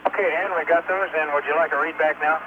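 A man's voice: a little high, steady tone, quick pace, narrow, tinny audio. A man speaking as a spacecraft pilot over a radio link through static, in clipped procedural phrases and number readbacks. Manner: clipped radio phrasing, reading figures item by item. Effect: radio transmission through static.

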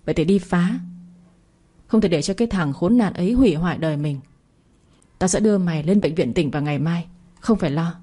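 A woman voicing a bold young village woman who scolds her friend in quick, sharp bursts. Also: on the low side, breathy edge. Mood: scolding.

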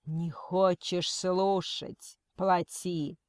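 A woman voicing a cold male kidnapper who threatens slowly and quotes scripture. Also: on the low side, flat delivery, darkish tone, no echo, clean studio sound. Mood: menacing. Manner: slow, menacing, preachy.

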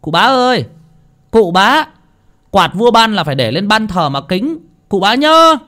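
A cheeky, clever peasant boy from a spoken folk tale, as a male storyteller puts him on, pitched high above an everyday voice and swinging wildly in tone. He talks cocky and mocking, full of sly tricks. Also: very animated, moderate pace, a little mellow. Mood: shouting.

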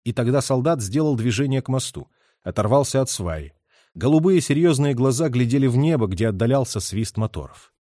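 A man narrates a war novel in a lively, dramatic voice with wide swings of pitch. The recording is close and dry, with no room around it. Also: fairly quick, no room sound. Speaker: audiobook narrator. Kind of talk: expressive literary narration.

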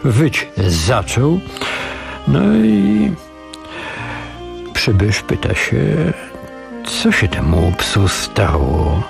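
Man reading a story on the radio, slow and gravelly, faint music under it. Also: on the low side. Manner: relaxed, chatty asides. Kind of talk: informal story reading with asides. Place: radio studio. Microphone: studio microphone.

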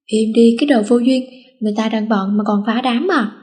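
A cheeky teenage schoolgirl, as a woman reader puts her on, flippant and teasing toward everyone. Her voice sits fairly high. She belongs to a storybook read aloud. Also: a little fast, darkish tone, close to an everyday voice.

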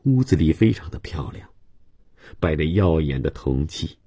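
A man narrating a literary novel as an audiobook in a calm, measured storytelling manner. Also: a bass voice, breathy edge, no room sound, studio quality.

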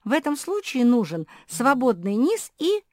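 A woman's voice: on the high side, sing-song, normal speed, darkish tone, dry recording, studio quality, voice pushed up. A woman voicing a plump, greedy female cat in a storybook reading, blunt and bossy in manner. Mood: lecturing.

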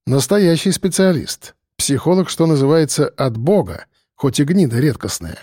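A man narrates a thriller audiobook with expressive, dramatic delivery. His pitch swings lively and sits a bit high. The mic is close and dry. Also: moderate pace, dry recording. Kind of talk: scripted narration.

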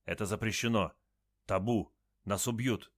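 A frightened young woman whispers warnings of danger, submissive and shaken, voiced by a male narrator. Her lines come low and hushed in a dry, close reading. She sounds resigned more than defiant. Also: unhurried, no room sound. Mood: fearful. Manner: hushed, fearful.

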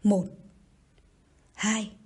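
A woman's voice: mid-range voice, steady tone, brisk, dark tone, husky. A woman voicing a harsh, threatening older male mandarin in an audiobook reading, hurling threats and insults. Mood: menacing.

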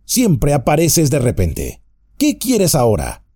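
A man's voice: a little high, huge pitch swings, takes it slowly, warm tone, husky, no room sound, pitched above the performer's own voice, heavily acted. A man voicing a nervous, fussy, stout male innkeeper who talks anxiously and at length. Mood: flustered. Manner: flustered, anxious, talkative.

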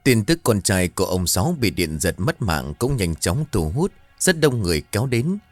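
Male storyteller, ghost story narration, lively pitch, lowish voice, faint music behind. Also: moderate pace, dry recording. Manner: dramatic, expressive storytelling.

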